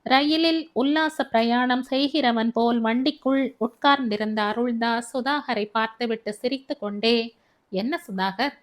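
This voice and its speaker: A woman's voice: on the high side, normal speed, few pauses. A woman reading a family novel aloud as an audiobook narrator.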